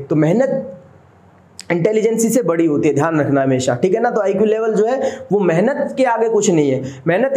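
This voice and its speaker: High-voiced teacher drilling facts. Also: male voice, a little mellow. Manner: fast, drilling, asks "clear?" and answers himself. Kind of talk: exam-prep history lesson. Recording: echoey room.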